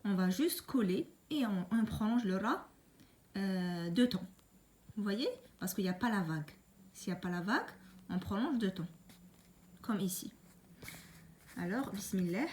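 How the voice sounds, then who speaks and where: A woman teaching a Quran reading lesson, patiently explaining and repeating letters slowly for learners, and chanting the letters louder. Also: mid-range voice, animated.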